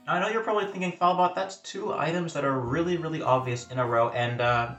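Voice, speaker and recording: A man's voice: on the high side, fast, fairly bright tone, reverberant, recorded from a distance, faint music behind. A man talking casually in a food vlog, chatty and self-deprecating, tasting food as he goes. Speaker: food vlogger.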